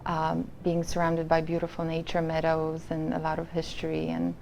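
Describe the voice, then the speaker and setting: A woman from Poland, a painter and nurse, talking softly and haltingly in a casual interview. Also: deep voice, completely flat delivery, gravelly, a little hiss or hum, low-quality recording. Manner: soft-spoken, halting, with fillers and restarts.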